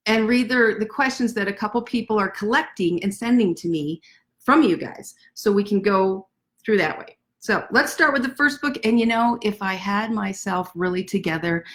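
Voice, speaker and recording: A woman author chats through a live stream from her desk. She talks quickly and pokes fun at herself. Her voice sits at a middle pitch. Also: fairly bright tone. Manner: chatty and self-deprecating, fast-talking. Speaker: author hosting a livestream. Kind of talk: casual livestream chat. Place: at a desk indoors.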